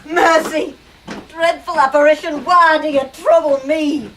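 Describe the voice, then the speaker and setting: A woman's voice: fairly even intonation, unhurried. Woman playing a terrified old miser. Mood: pleading, fearful. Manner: pleading, raised higher and louder. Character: frightened miserly old man Scrooge. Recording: distant mic, noisy room.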